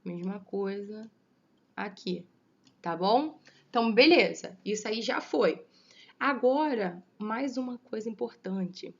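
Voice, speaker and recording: A woman's voice: mid-range voice, lively intonation, takes it slowly, muffled recording. A Brazilian woman teaching a literature lesson online, explaining step by step, counting syllables aloud and checking in with students. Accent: Brazilian Portuguese. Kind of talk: online class lecture.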